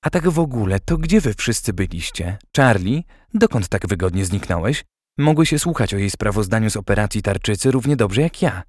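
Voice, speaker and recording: A man voicing a flustered, gruff older grandfather in an audiobook, blustering as he talks. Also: on the low side, sing-song, a little fast, darkish tone, no room sound, clean studio sound.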